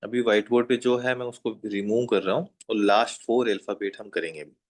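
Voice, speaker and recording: A man's voice: lowish voice, steady tone, brisk. A man teaching a German lesson at a whiteboard, patiently repeating each sound and checking that students have written it down. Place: classroom with whiteboard.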